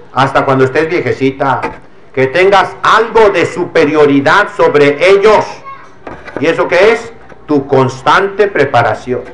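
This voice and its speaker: A man's voice: on the high side, fairly bright tone, a little hiss or hum, low-quality recording. A man preaching a sermon as a priest. He scolds and admonishes, and he uses homely everyday examples.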